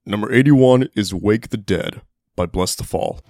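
A young man hosting a music podcast, counting down songs in an enthusiastic, profane, casual way, his voice a bit hoarse. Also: fairly low pitch, a little slow, heavy background noise. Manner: enthusiastic, profane, conversational with fillers. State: voice getting hoarse. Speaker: podcast host.

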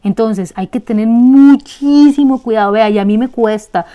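A Costa Rican woman hosting a casual spiritual talk, blunt, colloquial and animated. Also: on the high side, moderate pace.

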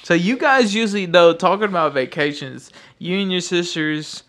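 Bright, slangy, laid-back man. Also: high voice, moderate pace. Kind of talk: casual podcast chat.

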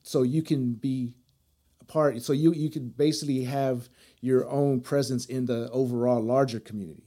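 Male interviewer, mellow mid-pitched voice, conversational and affirming, frequently seeks agreement. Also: steady tone, normal speed. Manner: affirming, often checks in with "right?". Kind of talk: casual supportive conversation.

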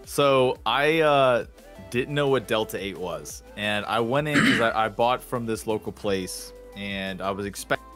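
Guy telling a story on a live stream, animated, his audio all glitchy and cutting out. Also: fairly low pitch, unhurried, faint music behind. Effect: connection audio cutting out and glitching. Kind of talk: casual chat, telling a funny story.

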